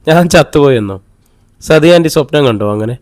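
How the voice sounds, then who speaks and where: A man's voice: a little high, lively intonation, brisk, a little mellow, no echo, clean studio sound, close to an everyday voice. A man voicing a bewildered young woman. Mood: puzzled. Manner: puzzled, questioning. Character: confused young woman, memory loss.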